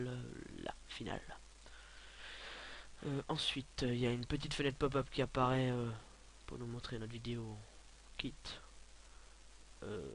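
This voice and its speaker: A young man giving a casual, rambling software tutorial, filling his talk with hesitations and offhand asides. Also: medium pitch, slight background noise. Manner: rambling, many filler sounds, offhand asides. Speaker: tutorial maker.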